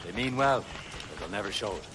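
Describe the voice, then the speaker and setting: An actor playing an encouraging older male assassin mentor who speaks calmly and reassuringly, heard as game audio with noise. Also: fairly low pitch, fast, lightly acted. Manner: calm and reassuring.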